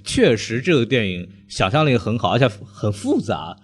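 A man's voice: medium pitch, sing-song, normal speed, slightly rough. A man hosting a podcast, retelling cartoon plots in casual chat, rambling along and laughing often. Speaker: podcast host.

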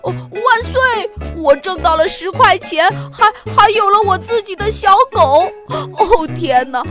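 A woman voicing an eager, excitable young boy in a children's storybook reading, with a high, bouncy, exclaiming manner. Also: a little slow, over music. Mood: overjoyed.

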